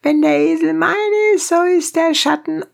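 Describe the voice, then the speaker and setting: A woman doing a shrill indignant donkey driver. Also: a little slow, creaky. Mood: insistent. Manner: shouting, pleading.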